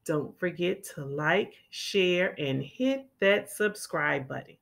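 Reading a kids' storybook like a teacher, this woman is expressive and articulates clearly for a young audience. Her lowish voice has a fairly bright tone, and she takes her time.

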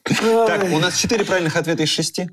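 A man's voice: sits high, quick pace. A man, an improv comedian, steering a game show round and patiently coaxing the other players. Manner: calm, coaxing, repeats prompts patiently. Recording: noticeable background noise.

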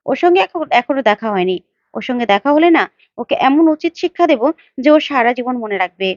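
A woman's voice: on the high side, animated, fast talker, no room sound, dull audio, close to an everyday voice. A woman voicing a bold, defiant young woman who scolds and threatens bluntly. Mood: threatening.

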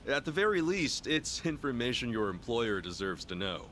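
An actor playing a modest, earnest job counselor in a video game, speaking formally and courteously but firmly. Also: male voice, medium pitch, very animated, moderate pace, pushed and bright, slight background noise. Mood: polite, probing.

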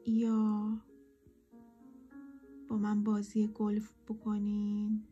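A woman voicing a stubborn little wooden stick man in a storybook, louder and raised. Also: a little high, lo-fi sound, lightly acted.

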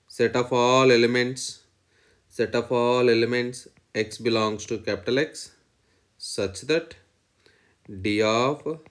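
A man lecturing in mathematics, dictating definitions in short phrases and repeating each one as he writes. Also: mid-range voice.

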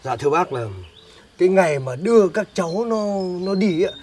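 A man's voice: high-pitched, animated, brisk, a little mellow, recorded from a distance, a little hiss or hum. A man playing a football team boss who wheedles an official for more slots and bickers with a rival. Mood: wheedling.

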